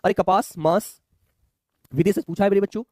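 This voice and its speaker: Fast, high-voiced teacher. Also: male voice, fairly even intonation, no room sound, studio quality. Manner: chatty, calls students "my children" and asks them to answer. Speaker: exam coaching teacher. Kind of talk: live online class.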